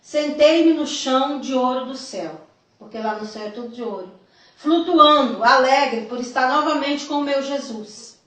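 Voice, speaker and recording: High-voiced Brazilian woman in an echoey hall. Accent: Brazilian Portuguese. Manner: earnest, addresses listeners as brothers. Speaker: missionary giving a testimony. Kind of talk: religious testimony. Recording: echoey, from far off the mic.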